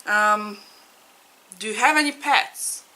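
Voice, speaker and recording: A woman's voice: mid-range voice, takes it slowly, sharp tone, rough recording. A woman in her thirties from Latvia, a native Russian speaker, chatting casually to camera as a needlework vlogger, laughing often and searching for words. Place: home in Ireland.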